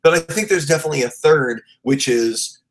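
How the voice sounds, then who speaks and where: A man's voice: on the high side, brisk. A man in his late twenties hosting a podcast interview, rambling and loose, laughing often in casual chat. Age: 20s. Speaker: podcast host.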